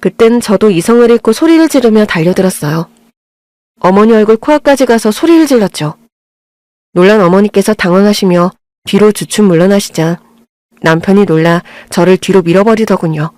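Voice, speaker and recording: A woman's voice: medium pitch, lively intonation, a little fast, a little mellow, no echo, studio quality. A woman in her thirties narrating her own story in an earnest, confessional audio drama.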